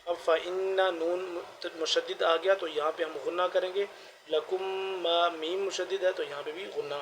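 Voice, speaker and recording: A man teaching Quran recitation. He chants verses slowly, then explains pronunciation rules quickly. He speaks with a Pakistani accent. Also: high voice, steady tone, a little hiss or hum, low-quality recording. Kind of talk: slow recitation lesson with spoken explanations.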